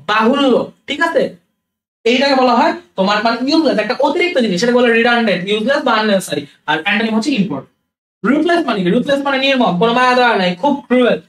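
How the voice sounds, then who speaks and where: A man's voice: very high voice, a bit bright. A man teaching a vocabulary class. He repeats each word, mixes in English and keeps checking whether the students follow. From Bangladesh. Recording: echoey room, voice from a distance.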